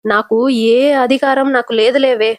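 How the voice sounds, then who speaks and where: A woman voicing a stern middle-aged mother who scolds firmly, quoted while retelling a TV serial scene in her own fairly high voice. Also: steady tone, moderate pace, dry recording, studio quality, natural voice. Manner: firm, scolding tone.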